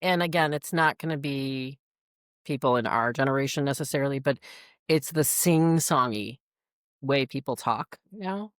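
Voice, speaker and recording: Middle-aged female guest, very low voice, wry and grumbling, dry close mic. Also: normal speed, no room sound. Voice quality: deep voice, called sir on the phone. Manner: wry, grumbling, self-deprecating. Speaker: podcast guest. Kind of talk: casual chat.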